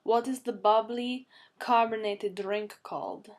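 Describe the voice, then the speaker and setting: A woman's voice: on the high side, steady tone, a little slow. A young Canadian woman in casual vlog chat, rambling and giggling as she pokes fun at herself. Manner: rambling, giggly, self-deprecating. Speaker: vlogger.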